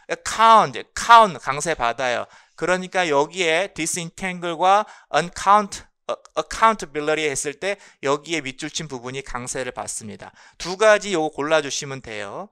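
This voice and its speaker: A middle-aged male lecturer with a bright, forceful voice and a lively, animated pitch. He explains exam material, asking rhetorical questions and then answering them. His speech is crisp and clean, and it slips English terms into the explanation. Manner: mixes English terms into Korean.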